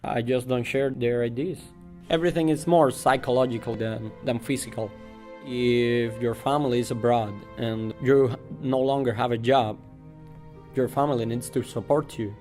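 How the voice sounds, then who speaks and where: A man from Cuba, giving a measured, plain-spoken account in a documentary interview. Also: medium pitch, steady tone, a little mellow, soft background music. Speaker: asylum seeker interviewee.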